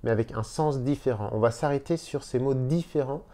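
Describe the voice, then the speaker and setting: The speaker is a Spanish teacher in an easygoing video lesson shot in a hotel room. He explains slowly, repeats words often, and has a mellow mid-range voice.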